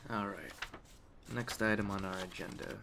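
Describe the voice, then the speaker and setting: In an ASMR roleplay aimed at the listener, a man portrays a calm, courteous mafia boss with an undercurrent of menace. His low, gravelly voice moves in a smooth, measured, deliberate way. A steady wash of storm ambience fills the background.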